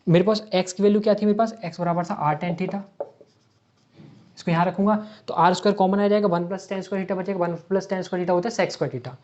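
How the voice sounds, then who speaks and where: Through a dull lo-fi recording, a man with a high, darkish voice delivers an exam-prep physics lecture at a board. He works step by step, asking rhetorical questions, answering them himself, and mixing English math terms into his explanation.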